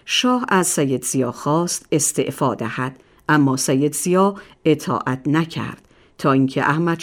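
Low-voiced woman reading formal history narration. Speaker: history calendar presenter. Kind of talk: scripted narration.

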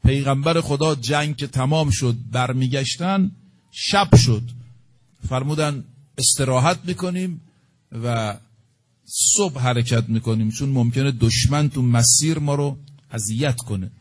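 Middle-aged man preaching a story-driven sermon. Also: medium pitch. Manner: storytelling, acting out dialogue with rising emphasis.

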